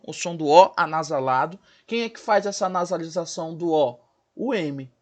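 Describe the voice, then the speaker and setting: A man with a high voice teaches a recorded lesson. He breaks words into single sounds, slows down to stress key points, and keeps checking whether the class has understood. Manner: explains slowly, spells out sounds and asks the class questions.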